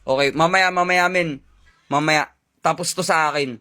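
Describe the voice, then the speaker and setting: Young man, gaming commentary, high voice, bright and sharp, loud and hyped. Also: steady tone, normal speed. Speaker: gaming video creator. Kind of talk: excited gameplay commentary.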